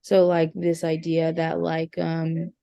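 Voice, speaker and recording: Mellow-voiced woman co-host, earnest podcast chat. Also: low voice, completely flat delivery, creaky. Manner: earnest, explaining, with quick laughs. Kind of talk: casual chat.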